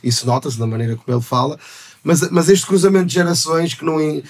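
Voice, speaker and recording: A man's voice: on the high side, lively intonation, fast talker, a little mellow. A man with a European Portuguese accent chatting casually as an interviewer, in slangy phrases he often repeats and restarts. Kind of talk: casual chat.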